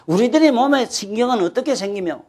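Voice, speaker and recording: An older man with a Gyeongsang Korean accent lectures an audience in a folksy way. His voice sits high for a man. He keeps turning to his listeners with quick checks and rhetorical questions. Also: animated, darkish tone, breathy edge. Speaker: folk-culture lecturer.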